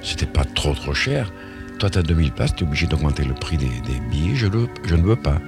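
A man's voice: a bass voice, sing-song, brisk, over music. A man being interviewed as a musician, talking in a rambling, indignant way with many restarts and asides.

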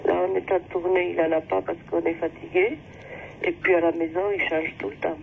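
A woman's voice: on the low side, flat delivery, a little fast, creaky. A woman speaking matter-of-factly in a recorded testimony, listing things plainly about her husband. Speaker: interviewee's wife. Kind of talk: recorded testimony inserted into radio show. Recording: tinny phone-like line, distant, faint hiss.

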